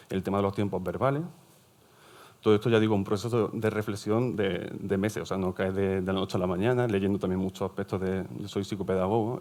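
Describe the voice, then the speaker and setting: A man's voice: lowish voice, a little mellow. A middle-aged man, a teacher and psychopedagogue giving an explanatory conference talk and checking in with his audience. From southern Spain. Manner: explanatory, often checks in with "¿vale?". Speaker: primary school teacher and psychopedagogue presenting at a forum.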